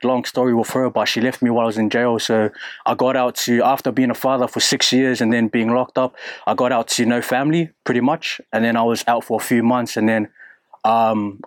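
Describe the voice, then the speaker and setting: A young man from New Zealand with a New Zealand accent, talking candidly and haltingly in an interview, with many fillers and restarts. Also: medium pitch, no echo. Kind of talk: casual interview.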